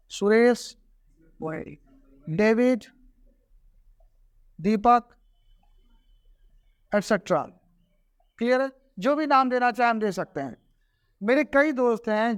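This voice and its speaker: A man's voice: very high voice, clean tone, no room sound, clean studio sound. A man teaching a grammar lesson. He repeats each example word by word and often checks whether the class has understood. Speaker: English teacher.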